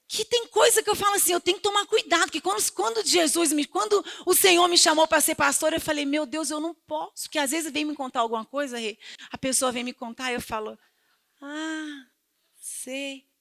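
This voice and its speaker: Woman, Brazilian accent, middle-aged pastor, animated sermon, high pitch. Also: normal speed, gravelly. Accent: Brazilian Portuguese. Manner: animated, acts out quoted voices, swings between loud and hushed. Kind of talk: lively sermon with storytelling.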